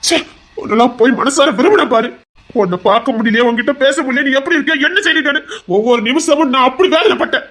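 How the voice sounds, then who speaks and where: A man's voice: very high voice, fast, a bit bright. A man playing a desperate young heart doctor. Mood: anguished. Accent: Tirunelveli Tamil. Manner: pleading, insistent, turning threatening. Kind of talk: audio drama acting.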